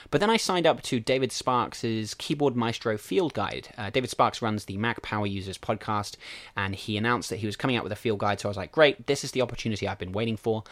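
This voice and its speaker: A man's voice: lowish voice, no echo. A man hosting a solo podcast, explaining things casually step by step. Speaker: podcast host.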